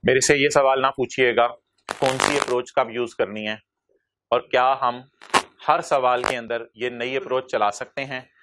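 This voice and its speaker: A male accounting lecturer, teaching a class by firing quick questions at the students and answering them himself. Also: medium pitch, steady tone, background noise.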